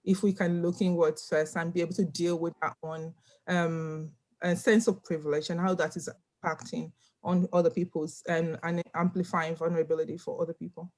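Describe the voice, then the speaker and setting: A woman's voice: lowish voice, level tone, fairly quick, darkish tone. A woman from Nigeria speaking on a video call panel, earnest and emphatic, often repeating words as she stresses a point. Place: home room.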